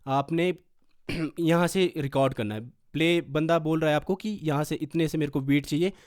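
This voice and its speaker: A man teaching music production software step by step in a home studio, checking in with listeners as he goes. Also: fairly high pitch, normal speed. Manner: explains step by step, often adding a checking "okay". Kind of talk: screen-recorded software tutorial. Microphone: studio condenser mic.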